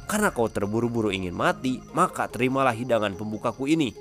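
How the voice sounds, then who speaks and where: A man's voice: medium pitch, expressive, quick pace, fairly bright tone, faint music behind, lightly acted. A man voicing a proud, fearless young male martial cultivator in a comic recap, reading his cold, clipped lines in his own plain narrating voice. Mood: cold anger.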